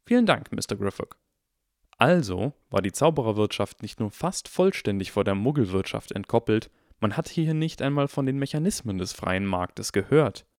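A man reading an audiobook in calm, even, measured narration. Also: fairly low pitch, dry recording, studio quality. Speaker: audiobook reader. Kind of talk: scripted narration.

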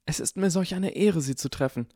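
A man's voice: medium pitch, no room sound, studio quality, voice pushed up, natural voice. A man doing an eager, bookish boy wizard. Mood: flattering. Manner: fast, flattering, nervously polite. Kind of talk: audiobook character voice.

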